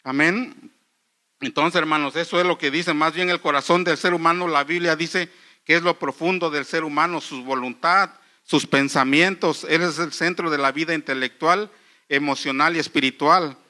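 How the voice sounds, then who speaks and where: Earnest bright-voiced man preaching a sermon. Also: a little high, fairly even intonation. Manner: earnest, keeps addressing listeners as brothers, halting restarts. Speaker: pastor. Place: church.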